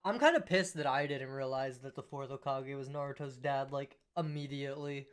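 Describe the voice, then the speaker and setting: A man's voice: mid-range voice, normal speed, clean tone. A man co-hosting a podcast, telling things animatedly in casual chat. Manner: animated storytelling, mimicking characters. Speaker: podcast co-host.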